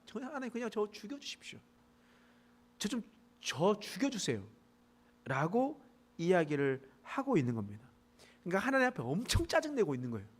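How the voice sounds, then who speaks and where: Male pastor, sermon, animated storytelling, formal verse reading, fairly high voice.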